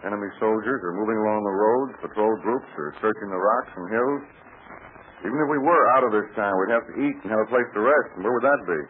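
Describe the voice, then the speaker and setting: An actor playing a tough, plain-spoken American adventurer who takes charge in a 1940s radio serial. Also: male voice, lowish voice, fast, lightly acted. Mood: grim, businesslike. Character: tough, brisk American adventurer leading commandos. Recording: scratchy 1940s radio recording, narrow band.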